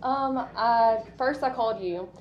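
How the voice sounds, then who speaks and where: A woman working as a laundromat attendant, answering questions on camera in a hesitant way with many pauses. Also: fairly high pitch, highs cut off.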